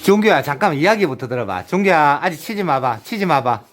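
A man's voice: a little high, sing-song, fast, a bit bright. A man instructing and cheering people on during a video game, with short repeated calls and a lot of laughter. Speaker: activity instructor.

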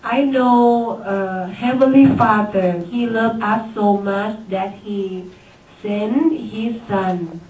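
A woman from Thailand introducing herself in a hesitant, halting way. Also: mid-range voice, a little mellow, reverberant, far from the mic, rough recording. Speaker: student. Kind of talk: self-introduction video.

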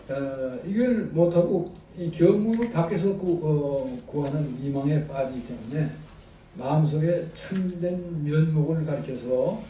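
A man giving an academic philosophy lecture, slow and halting with many fillers, reading from handout pages. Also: fairly high pitch, mellow. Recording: echoey room, distant mic, faint noise.

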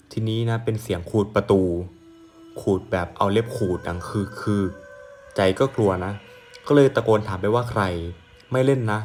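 Low-voiced man narrating a ghost story. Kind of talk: reading a ghost story aloud.

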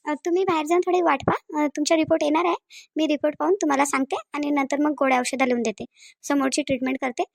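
A soothing female doctor from a cartoon, voiced by a woman with a Varhadi Marathi accent. The voice sits high with a gravelly edge, and the recording is close and dry. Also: steady tone, fast talker, no echo. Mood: reassuring. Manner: soothing, repeats reassurances. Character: calm reassuring female doctor, middle-aged.

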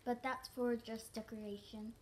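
Teen girl adding calm asides. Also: fairly high pitch, normal speed. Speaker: co-player.

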